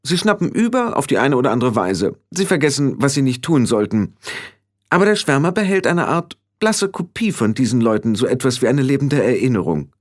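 Stern old witch, sharp and commanding, high and lively, read by a man in an audiobook. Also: a little fast. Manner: firm, clipped commands. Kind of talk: audiobook reading.

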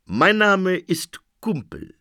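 Man doing a smug impish little goblin man, mocking, slow and deliberate, bright tone. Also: high-pitched, sing-song, no room sound, clean studio sound, pitched above the performer's own voice, full character voice.

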